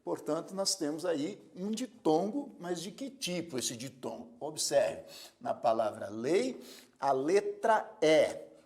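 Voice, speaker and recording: A man's voice: fairly high pitch, very animated, slow, darkish tone. A male grammar teacher explaining a lesson step by step, repeating key terms and asking himself questions. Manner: corrects slips aloud. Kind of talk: recorded classroom lesson.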